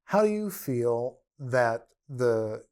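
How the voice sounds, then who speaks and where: A male host of an interview podcast with a mid-pitched voice. He keeps things friendly and informal, and his questions come out with frequent fillers and repeated words. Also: big pitch swings, very slow, a little mellow, clear, resonant tone. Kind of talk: conversational interview.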